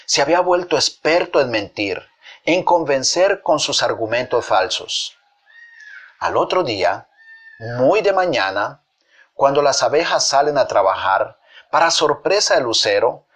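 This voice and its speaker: A man's voice: mid-range voice, fairly bright tone. A man narrating a children's fable, speaking expressively and addressing his young listeners. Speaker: storyteller.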